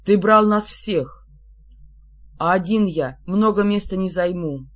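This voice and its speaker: The reader of an audiobook voicing an old male ghostly shadow, speaking in a hushed, pleading whisper. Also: medium pitch, slow pace, dull audio. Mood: coaxing. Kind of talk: audiobook character reading.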